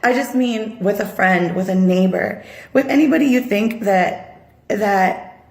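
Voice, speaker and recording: A woman from Sri Lanka making an earnest, halting personal video appeal as a mother, audibly upset and pausing often. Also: mid-range voice, vocal fry, a little mellow. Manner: earnest, halting, with many pauses and fillers. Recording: echoey room.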